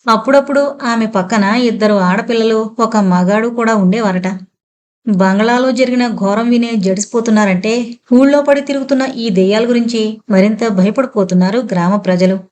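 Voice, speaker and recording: Brief: female audiobook narrator, horror novel, even storytelling. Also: on the high side, normal speed.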